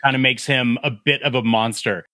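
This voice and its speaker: A man's voice: mid-range voice, moderate pace, no room sound. A man hosting a casual film discussion podcast, talking animatedly and acting out lines from the film. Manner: animated, acts out quotes in a breathy whisper. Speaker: podcast host.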